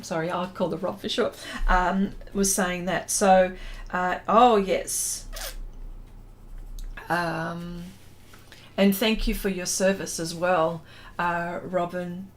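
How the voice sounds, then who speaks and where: Speaking slowly in a lowish voice with little pitch movement, this middle-aged Australian artist hosts a relaxed livestream. She rambles and trails off while reading viewer comments aloud and responding.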